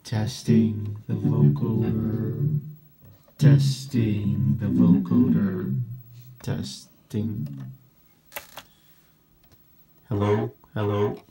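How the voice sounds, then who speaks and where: A low, gravelly, mellow voice, robotic from vocoder processing and of unclear sex, repeats short mic-check phrases for a musician's synthesizer demo. It is expressive yet drawn out, with long pauses. Soft background music from a synthesizer keyboard plays as synth tones lie over the voice.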